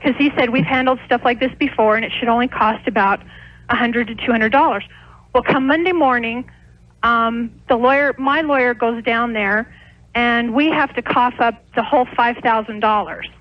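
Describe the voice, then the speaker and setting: Over a dull, lo-fi phone line, a woman caller speaks to a radio show with a fairly high pitch, fairly even intonation and moderate pace, the recording dry. She is an American who runs a small restaurant, and in this unscripted conversation she explains things in a hesitant, rambling way.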